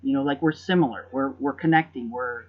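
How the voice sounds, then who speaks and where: A man's voice: medium pitch, fairly quick, lo-fi sound. A man hosting a podcast in casual chat, rambling and reflective and often repeating words as he thinks. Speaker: podcast host.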